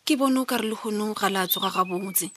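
A woman's voice: medium pitch, fast talker, heavy background noise, close to an everyday voice. A young woman with a South African Sotho accent playing a caring daughter who soothes and pleads in a radio drama. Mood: gentle, respectful. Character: gentle, caring grown daughter comforting her father.

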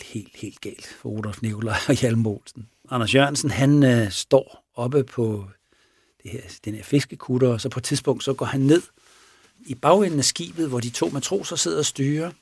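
A man's voice: mid-range voice, husky, dry recording. A man retelling a crime story in a casual, rambling way, with many restarts.

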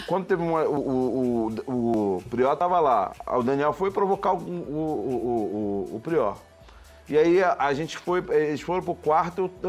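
A man in his forties recounts events in an animated interview, voice sitting a little high. He talks emphatically, stumbles and restarts, and acts out the quotes he tells. Faint music plays behind him. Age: 40s. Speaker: former reality show contestant.

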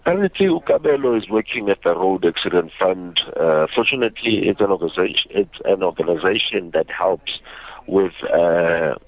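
A young man with a South African accent giving a halting, reflective personal account as a radio interview guest. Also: sits low, lively intonation, no echo. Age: young adult. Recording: slightly muffled radio audio.

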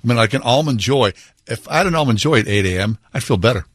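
A man's voice: medium pitch, animated, quick pace, breathy edge, dry recording. A man chatting casually as a radio show co-host.

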